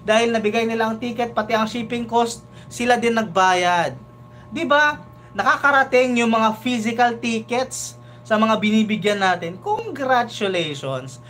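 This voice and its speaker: A man with a fairly high voice gives animated live reaction commentary. He keeps asking "di ba?" as he goes, and a faint hum runs under his voice. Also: moderate pace. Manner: animated, chatty, often asks "di ba?". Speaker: reaction video host.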